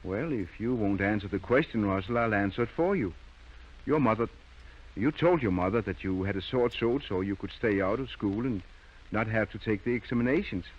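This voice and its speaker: A man's voice: on the low side, normal speed, natural voice. A man acting in an old-time radio drama as a firm, kindly country doctor, patient but probing. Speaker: radio actor. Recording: dull, lo-fi vintage radio recording.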